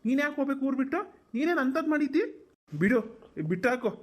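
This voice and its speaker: A woman voicing a tired grown son who soothes and placates his upset mother in an animated cartoon. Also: high-pitched, fast talker, pitched below the performer's own voice, lightly acted. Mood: soothing.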